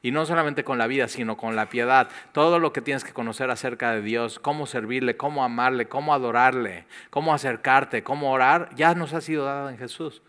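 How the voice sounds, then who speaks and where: A male pastor with a Mexican Spanish accent delivering a sermon. His voice is bright and clear, and he keeps the tone conversational and lively, acting out little quoted asides as he talks. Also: mid-range voice, a little fast, few pauses.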